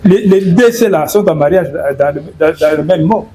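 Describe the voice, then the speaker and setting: A man's voice: on the high side, normal speed, warm tone, a little hiss or hum. A man from Congo explaining in an interview, hesitant and repeating words and fillers. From Democratic Republic of the Congo. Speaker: guest.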